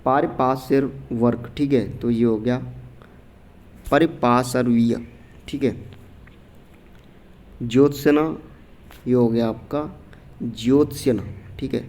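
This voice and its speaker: Man, exam coaching teacher, casual grammar lesson, mellow voice, informal, keeps checking in with students. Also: medium pitch, steady tone, a little slow. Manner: informal, repeats "theek hai" often, reads out answer options.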